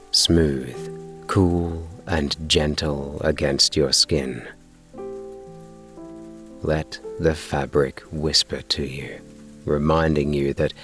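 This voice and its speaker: A man narrating a bedtime sleep story in a soothing, unhurried, gently measured way. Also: extremely low pitch. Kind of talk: slow bedtime relaxation narration and story reading.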